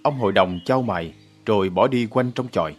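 A man reading a story aloud with steady, measured narration. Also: fairly low pitch, faint music behind.

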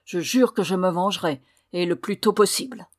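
A woman's voice: lowish voice, moderate pace, lightly acted. A woman voicing a scheming, vengeful stepmother in a storybook reading, coaxing and muttering threats.

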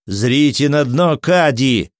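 A man voicing a bold young townsman who shouts urgent warnings in a raised voice. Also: mid-range voice, expressive, takes it slowly, no echo, studio quality. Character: young brawny male townsman, bold and agitated.

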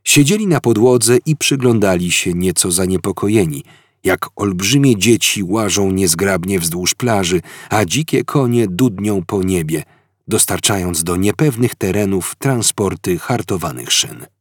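Husky guy narrating an audiobook, really animated, dry close mic. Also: sits low, measured pace, no echo. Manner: expressive, animated reading.

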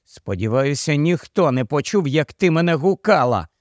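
A man's voice: fairly high pitch, lively intonation, moderate pace, no room sound, clean studio sound, natural voice. A man doing an urgent runaway young noblewoman. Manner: urgent, hissing, pleading.

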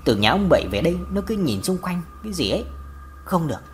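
A woman's voice: lowish voice, big pitch swings, fast, slight background noise. A woman voicing a worried, superstitious village mother who scolds her son out of fear. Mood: frightened scolding. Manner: scolding and fearful.

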